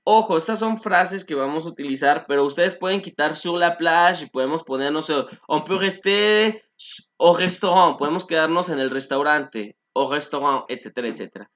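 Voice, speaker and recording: Bright-voiced man teaching French. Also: on the high side. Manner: explains slowly, repeats French phrases and translates them; frequent "este" fillers, asks "¿no?" and "¿sí?". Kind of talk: online language lesson.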